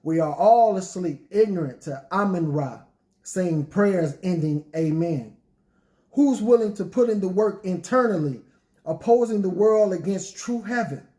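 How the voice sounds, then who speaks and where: A man giving a spoken-word poetry reading in a declamatory, measured delivery. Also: sits high, animated, mellow, echoey room.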